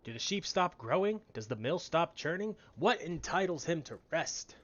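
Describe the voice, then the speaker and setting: A man voicing a theatrical game miller who gloats like a villain with slow, grand menace. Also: on the high side, lively intonation, lo-fi sound, pitched above the performer's own voice. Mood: gloating.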